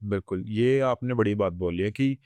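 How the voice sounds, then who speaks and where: A man's voice: lowish voice, moderate pace, a little mellow, dry recording. A man hosting a podcast interview, asking long questions and often giving short agreeing replies.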